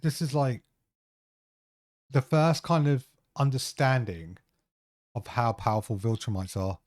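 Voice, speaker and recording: A man's voice: medium pitch, expressive, unhurried, a little mellow, dry recording. Rambling young man, dry close sound. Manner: rambling, many fillers, reads from notes. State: coughing fit, strained throat. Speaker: podcast co-host. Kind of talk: casual chat.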